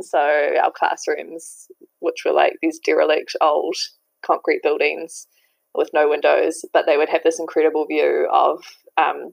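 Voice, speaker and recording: A woman's voice: deep voice, vocal fry, no echo, poor audio. A woman, a guest chatting casually and laughing often. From New Zealand. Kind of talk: casual interview chat.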